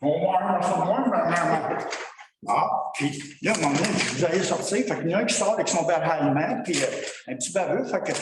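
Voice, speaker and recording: A fed-up man with a Québécois French accent tells his grievances at a town council meeting in a rambling, colloquial way. His voice sits a little high and comes from well away from the mic. It echoes around a large hall with a long reverb, and steady noise is audible underneath. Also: brisk, far from the mic. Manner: rambling, frustrated, colloquial storytelling. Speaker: citizen at council question period. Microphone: far from the microphone.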